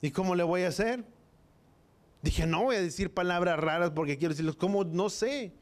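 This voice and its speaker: A man preaches to a church congregation, telling his own story of faith. His voice sits a little high for a man, and he acts out the dialogue of his memories with earnest feeling. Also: normal speed. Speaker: preacher giving a testimony. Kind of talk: sermon testimony.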